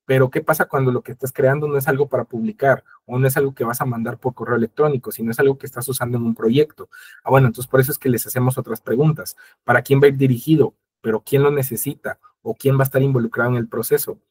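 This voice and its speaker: A man's voice: mid-range voice, fairly even intonation, fast talker, breathy edge. A man presenting an instructional webinar, explaining step by step, addressing his audience directly and acting out quoted conversations.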